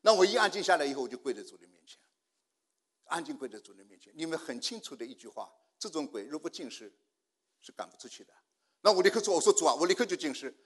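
An older man preaching a sermon, telling a personal testimony and swinging from hushed prayer to loud outbursts. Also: on the high side, big pitch swings, quick pace. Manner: storytelling, swinging from hushed to shouting.

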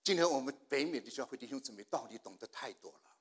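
An older man preaching a sermon, telling a personal testimony and swinging from hushed prayer to loud outbursts. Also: medium pitch, lively intonation, fast, slightly rough. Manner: storytelling, swinging from hushed to shouting.

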